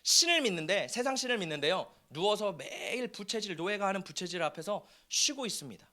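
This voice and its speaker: A man's voice: high voice, very animated, a little fast, sharp tone. A man preaching a sermon as pastor, asking the congregation questions as he goes.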